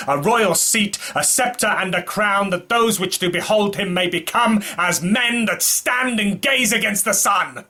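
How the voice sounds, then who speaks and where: An actor playing an ambitious, ruthless French duke in a theatrical verse monologue, declamatory and grandiose, with a husky voice. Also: male voice, fairly high pitch, pushed and bright, full character voice.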